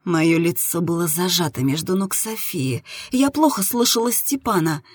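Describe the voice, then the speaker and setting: A woman reading an adult audiobook in the first person, with intimate, scripted narration and a husky tone. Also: on the low side, lively intonation, moderate pace, no echo, studio quality.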